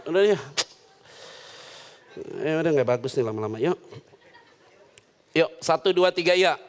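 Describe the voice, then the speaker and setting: Lively high-pitched joking male preacher. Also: moderate pace. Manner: animated, jokes and voices quoted characters. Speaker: pastor. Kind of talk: humorous sermon with storytelling. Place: church hall.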